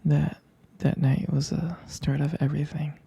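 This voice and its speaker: A man playing a devoted, smitten boyfriend in an intimate ASMR roleplay, speaking in a breathy, husky whisper, hesitant and tenderly repeating his phrases. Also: on the high side, level tone, normal speed, mellow, heavily acted. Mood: tender, wistful.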